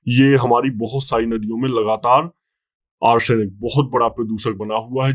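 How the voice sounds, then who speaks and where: A male teacher giving an exam-prep lecture, explaining step by step and often repeating key points and checking in with students. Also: medium pitch.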